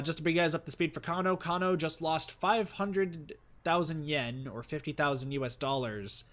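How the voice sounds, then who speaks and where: A man's voice: mid-range voice, fairly bright tone. A young man streaming, reading a visual novel aloud with casual commentary. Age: young adult. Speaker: game streamer.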